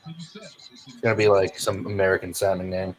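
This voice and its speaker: Low-voiced man griping sarcastically. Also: lively intonation, moderate pace, low-quality recording. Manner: sarcastic, self-mocking griping. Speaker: trivia contestant, co-host. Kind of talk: casual chat.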